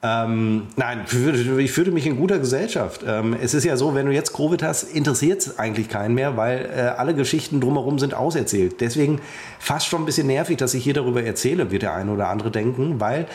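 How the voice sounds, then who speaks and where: A man's voice: medium pitch, brisk, a little mellow. A man co-hosting a podcast, blocked up after Covid, with teasing, mock-indignant banter. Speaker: podcast co-host.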